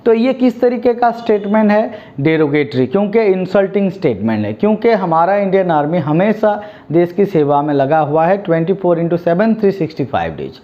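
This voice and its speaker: A man with an Indian accent teaching English vocabulary, mixing Hindi and English and having the class repeat each word. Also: high-pitched. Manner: drills words, asks the class to repeat them. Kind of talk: spoken vocabulary lesson. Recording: dull lo-fi recording.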